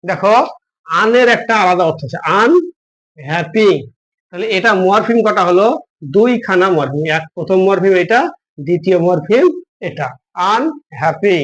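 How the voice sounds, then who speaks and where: A man's voice: high-pitched, expressive, measured pace, long pauses, a bit bright. A man teaching a grammar lesson, patiently spelling words out letter by letter and asking his students questions.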